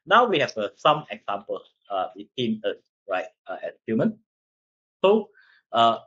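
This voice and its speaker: A man's voice: medium pitch, a bit bright, breathy edge. Cantonese-accented man presenting, slightly muffled audio. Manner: halting, often checks with "right?". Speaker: company presenter. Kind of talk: slide presentation.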